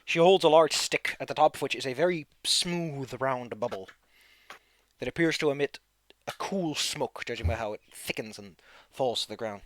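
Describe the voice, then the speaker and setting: Male game master, medium pitch, tabletop narration, dry recording. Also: normal speed, dry recording.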